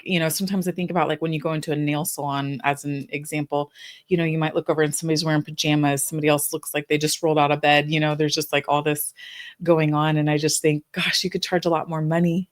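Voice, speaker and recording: A woman co-hosting a business podcast, talking casually with frequent "you know" fillers. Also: low voice. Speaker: podcast co-host.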